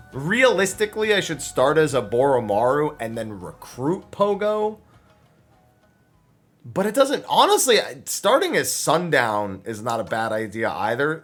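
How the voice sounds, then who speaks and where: A man streaming a video game, thinking aloud about his plans, swearing freely and laughing at the game. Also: medium pitch. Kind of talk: casual live game commentary.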